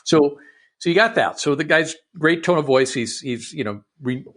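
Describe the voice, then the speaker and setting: A man hosting a casual podcast interview, animated, often restarting sentences and affirming with "yep" and "right". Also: fairly high pitch, normal speed.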